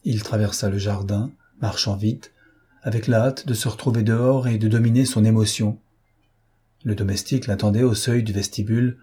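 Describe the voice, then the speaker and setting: A man narrates a classic novel at a measured, steady pace, telling the story with care. His voice is low and mellow, with a slight husky grain. The delivery is controlled and even throughout. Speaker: audiobook narrator. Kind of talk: scripted narration.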